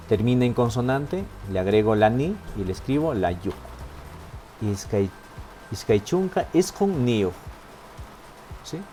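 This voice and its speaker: Slow, patient man teaching numbers. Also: medium pitch, warm tone. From Peru. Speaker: language teacher. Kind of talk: online lesson, explaining step by step.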